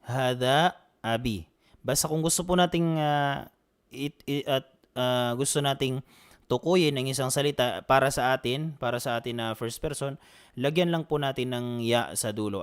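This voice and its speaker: A man's voice: mid-range voice, smooth. A man teaching an online Arabic lesson, patiently repeating and drilling phrases. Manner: answers students by name.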